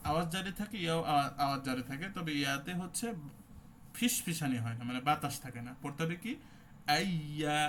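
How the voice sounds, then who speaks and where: A man's voice: fairly high pitch, a bit bright, slight background noise. A man teaching an online Quran recitation class, explaining letter sounds and demonstrating each one.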